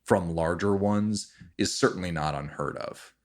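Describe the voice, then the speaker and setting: A man narrating and explaining a tabletop role-playing game as game master, often halting as he works out what to say. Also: deep voice.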